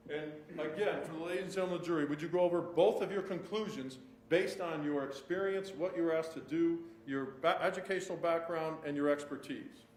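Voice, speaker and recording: High-voiced man in a courtroom recording. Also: a little fast, hardly any pauses. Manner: leading questions ending in "correct?". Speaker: defense attorney. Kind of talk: courtroom cross-examination. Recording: echoey courtroom, distant mic, faint noise.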